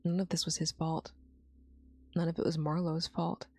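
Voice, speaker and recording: Low husky woman reading a story. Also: flat delivery, moderate pace, darkish tone, soft background music. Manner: first-person narration with casual asides. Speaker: VTuber story reader.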